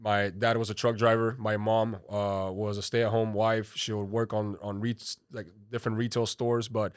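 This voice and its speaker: A Cuban-born man in his thirties talks casually as a podcast guest, his voice sitting a little low. He rambles, leaning on "you know" and "like", and the sound is close and dry with no room echo. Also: level tone, normal speed, smooth. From Cuba. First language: Spanish. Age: 30s. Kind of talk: casual interview talk.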